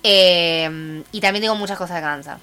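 A young woman in her twenties with a Rioplatense Argentine accent, chatting in a lively, animated way. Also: fairly low pitch, moderate pace. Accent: Rioplatense Spanish. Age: 20s. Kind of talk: casual chat.

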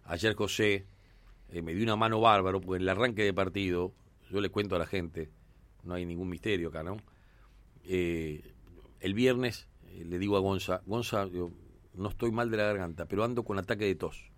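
This studio sports radio host speaks Argentine Rioplatense Spanish, delivering conversational talk and commentary peppered with the fillers "eh" and "este." His lowish voice is steady in tone and a bit bright, picked up close and dry on a studio mic.

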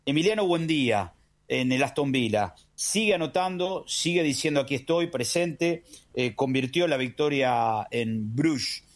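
A sports radio host with an Argentine accent analyses football in an emphatic, rhetorical way, using deliberate pauses. His mid-range voice is animated.

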